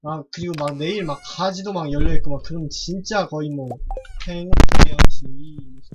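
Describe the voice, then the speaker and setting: A woman's voice: sits low, moderate pace, very noisy. A woman live-streaming a farming game, rambling to herself with casual swearing.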